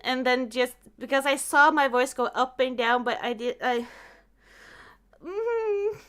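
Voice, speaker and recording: A woman with a high voice speaks a little slowly as she casually chats on her podcast. She's the host, an animated storyteller who dramatizes her own reactions.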